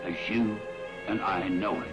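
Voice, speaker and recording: A man's voice: low voice, fairly even intonation, normal speed. An actor playing a grave male announcer reading an emergency bulletin in an old newsreel-style broadcast, with formal, solemn delivery. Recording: dull lo-fi old film soundtrack with music.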